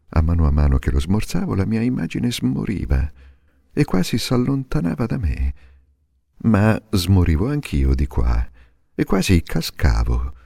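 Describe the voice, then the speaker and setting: A man reads literary prose aloud in a very low, dark, gravelly voice. His delivery is measured and intense, with a lively, swooping melody and occasional drops to a hush. The recording is dry and close. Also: no room sound. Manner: slow, measured and intense, with hushed passages. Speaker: reader. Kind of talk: dramatic literary reading.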